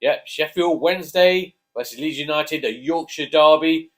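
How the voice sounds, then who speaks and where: A man's voice: fairly high pitch, moderate pace. A man co-hosting a casual chat, jokey and chatty, prompting his co-host to speak. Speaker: co-host, father.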